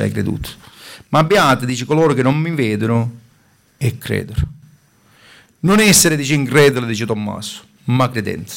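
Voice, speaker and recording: A man's voice: medium pitch, creaky. A man preaching a sermon in a fervent way, stopping now and then to restart a word.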